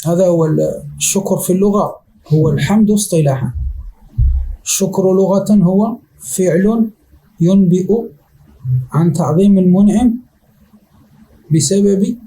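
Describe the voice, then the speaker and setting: A man teaches a classical rhetoric text to his students. His voice sits high yet sounds mellow and dark. He repeats each definition patiently and keeps checking whether the class has understood. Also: measured pace, long pauses, low-quality recording. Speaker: sheikh teaching Arabic rhetoric. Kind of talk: classroom lesson explaining a text.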